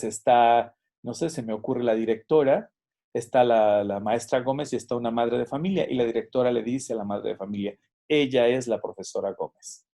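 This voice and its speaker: Man teaching, gravelly and mellow. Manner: explanatory, models English phrases with lively pitch jumps. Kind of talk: recorded video lesson.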